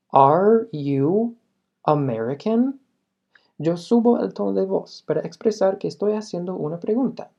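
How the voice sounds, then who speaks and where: A woman's voice: on the low side, warm tone, lo-fi sound. A woman teaching a beginner English lesson, explaining step by step and patiently, with filler sounds between phrases.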